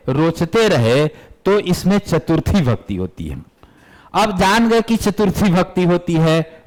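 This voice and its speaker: A man teaching a Sanskrit grammar lesson, chanting word forms in slow lists and urging his students directly. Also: a little high. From Bihar, India. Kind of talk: classroom lecture.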